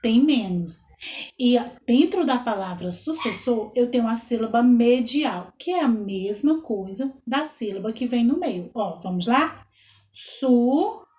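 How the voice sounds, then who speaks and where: A woman with a Brazilian Portuguese accent teaching young children, slowly spelling out letters and counting aloud. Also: a little high, animated, a little mellow, echoey room. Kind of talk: children's lesson.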